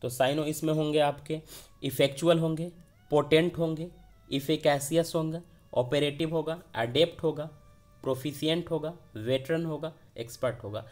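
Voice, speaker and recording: A man's voice: a little high, steady tone, moderate pace, darkish tone, soft background music. A man teaching an exam vocabulary lesson, posing questions to himself and answering them as he goes.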